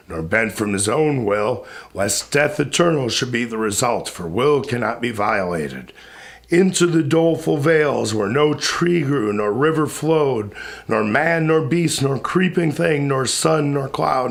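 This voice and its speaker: In a creaky, mid-range voice, a man recites epic poetry solemnly and dramatically, declaiming gravely and pausing deliberately between phrases.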